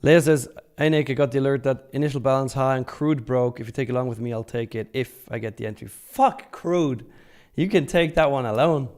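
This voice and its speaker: A futures trader hosts a live trading stream, chatting casually as he comments and answers viewers, joking and swearing freely. His medium-pitched voice has a darkish tone, and he talks a little fast.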